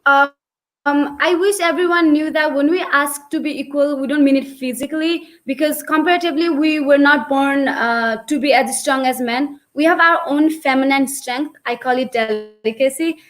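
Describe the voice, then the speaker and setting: A woman's voice: high-pitched, steady tone, normal speed, a bit bright. A young woman with a Nepali accent speaking earnestly as a panelist on a webinar video call. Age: young adult. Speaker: youth panelist.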